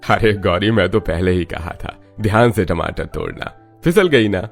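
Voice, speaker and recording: A man voicing folksy village farmers in an animated cartoon, with a teasing, chuckling manner. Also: sits low, normal speed, soft background music. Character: jovial village farmer men, father and friend. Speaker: voice actor.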